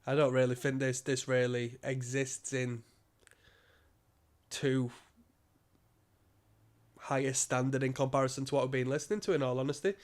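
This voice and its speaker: This album review comes from a man fighting a cold, his nose blocked and an occasional cough breaking in as he rambles with lots of ums and restarts. He speaks at a normal pace in a mid-range voice with little pitch movement, pausing often.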